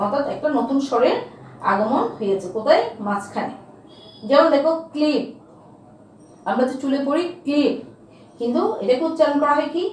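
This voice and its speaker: High-voiced woman teacher in an echoey room. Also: a little mellow, recorded from a distance. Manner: asks questions and answers them herself, repeats key terms slowly. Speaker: school teacher. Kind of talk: grammar lesson to students.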